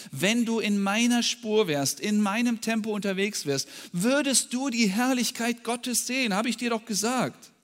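A man delivers a sermon in German with a fairly high-pitched voice, dropping low and then rising loud when he quotes scripture. The sound rings with the long reverb of a church hall. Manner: dramatic, swings from soft to loud when quoting scripture. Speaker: preacher.

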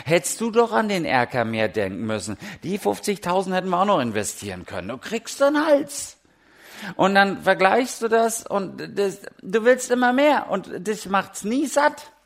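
Middle-aged male pastor, fairly high voice, animated sermon storytelling, jumps from loud to hushed. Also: creaky. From Germany.

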